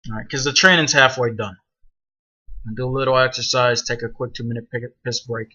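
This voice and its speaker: Blunt, profane man giving bright orders. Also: mid-range voice, steady tone, fairly quick, slightly rough, lo-fi sound. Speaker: outfit leader training new members. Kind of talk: casual voice-chat instruction.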